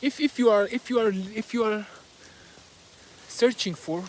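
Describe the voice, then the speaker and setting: Speaking in a high voice without any hurry, a man walks outside and casually sums up a book, hesitating through many fillers and restarts. He's a book reviewer with a Persian accent, Persian being his native language, and he records on a simple handheld phone rather than fancy equipment.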